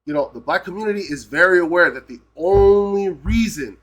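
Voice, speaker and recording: A man's voice: sits high, fairly quick. A man from Peru, a live streamer, giving a rambling, emphatic and profane casual rant.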